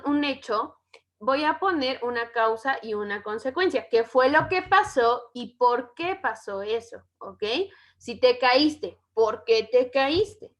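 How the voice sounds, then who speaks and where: Speaking slowly with a Mexican Spanish accent, a woman teaches schoolchildren a grammar lesson and keeps checking in with "¿ok?". Her voice is on the high side, bright and forceful.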